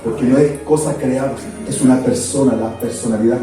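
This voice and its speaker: A man's voice: medium pitch, fairly even intonation, fairly quick, dark tone. A male pastor preaching a fervent sermon, hammering points home in repeated lists. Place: church sanctuary. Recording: echoey church, distant mic, faint music.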